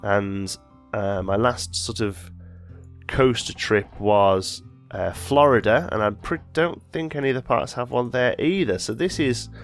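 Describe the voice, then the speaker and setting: With soft background music, a man speaks unhurriedly in a medium pitch during casual gameplay commentary. He has a slight cold, talks through his building and often corrects himself mid-sentence.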